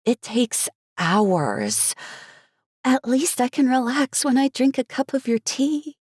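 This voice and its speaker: Woman voicing a gushing, high-pitched perky young woman. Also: takes it slowly, slightly rough, no echo, studio quality, full character voice. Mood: fretful, gushing. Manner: gushing, bubbly, excitable. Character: perky, gushing young woman in her late twenties, excitable cheerleader type. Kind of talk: cozy mystery audiobook character voice.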